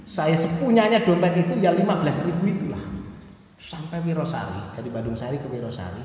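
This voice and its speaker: A middle-aged man teaches a Quran lesson, telling a story and voicing its characters with a lively, swooping pitch. He is heard from a distance in a large hall with a long, booming reverb. The sound is dull and lo-fi, with a faint hum of room noise. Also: a little fast. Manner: animated, acts out dialogue in changing voices. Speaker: Islamic teacher.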